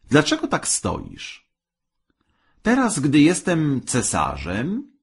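A man voicing a domineering, greedy wife in a spoken fairy tale, with a shrill, imperious, commanding delivery. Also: wildly swooping pitch, slow pace, creaky, slightly rough, full character voice. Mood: impatient. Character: domineering greedy wife demanding ever more.

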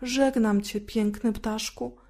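A tiny gentle girl, tearful and tender, as a woman reader puts her on, in a mellow storybook telling. She speaks softly and pleadingly, lifting her voice slightly, with a warm, dark tone underneath. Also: fairly high pitch, steady tone, takes it slowly. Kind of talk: storybook reading.

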